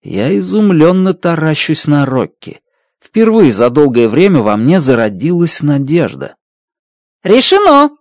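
A man's voice: fairly high pitch, measured pace, no room sound. A man reads an audiobook in the first person, his intonation rising and falling a lot. The sound is dry and close, with no room around it. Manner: expressive storytelling. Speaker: audiobook narrator.

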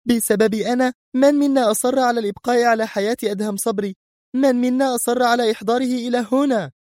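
A man voicing a furious woman who leads a criminal organization, shouting in outrage. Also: very high voice, little pitch movement, a little fast, no echo, clean studio sound, voice pushed up.

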